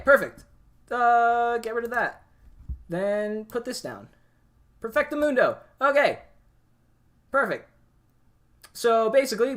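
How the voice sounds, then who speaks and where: Livestream host, rambling, filler-heavy, mid-pitched, casual. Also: fairly bright tone. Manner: rambling, filler-heavy, talks through technical setup.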